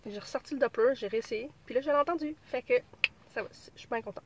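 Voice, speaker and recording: Talking fast over a noisy background, a woman in her thirties with a Québécois French accent vlogs about pregnancy from inside her car. Her voice is a little high and a bit stuffy from a cold, and she rambles, restarts and uses plenty of fillers in this casual chat.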